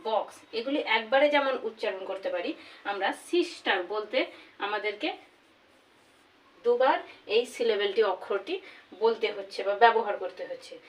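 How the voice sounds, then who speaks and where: Slow-speaking woman teacher, far from mic. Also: medium pitch, expressive. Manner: slow, repeats each example word. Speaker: grammar teacher. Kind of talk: classroom lesson.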